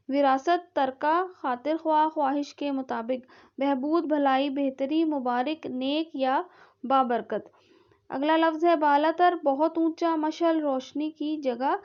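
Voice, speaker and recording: A woman's voice: sits high, fairly even intonation, a little slow. A woman from Pakistan teaching an online Urdu class, reading vocabulary word by word with careful pronunciation. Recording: dull lo-fi recording.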